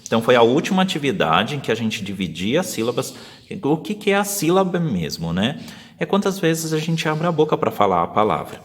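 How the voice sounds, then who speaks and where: Patient Brazilian teacher, lively and echoey. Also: male voice, medium pitch. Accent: Brazilian Portuguese. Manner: patient, explains step by step, sounds out syllables slowly. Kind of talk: remote class video lesson.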